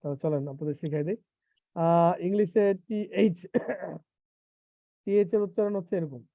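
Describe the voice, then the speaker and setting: Lively man teaching on a phone-like line. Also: high voice, normal speed, no echo. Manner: lively, teasing, mixes English terms into colloquial speech. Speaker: IELTS teacher. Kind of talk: live online class. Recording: tinny phone-like online call, dry.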